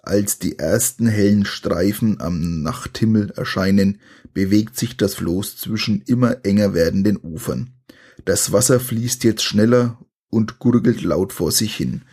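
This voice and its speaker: A man's voice: on the low side, measured pace, a little mellow, breathy edge. A man reading an adventure gamebook aloud to listeners, with chatty, colloquial asides between the passages. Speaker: reader of a gamebook.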